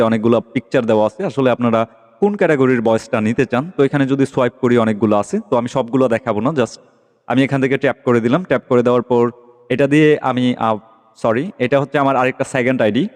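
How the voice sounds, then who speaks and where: A man with a mid-range, darkish voice hosts a relaxed tech tutorial, walking through an app and frequently making sure viewers keep up. The screen recording uses a phone mic, and a long echoing reverb hangs over it.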